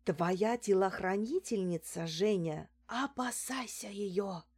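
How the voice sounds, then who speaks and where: A woman reading an audiobook, voicing a disguised female fortune-teller with a squeaky, theatrical, wheedling way of talking. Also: big pitch swings, a little slow.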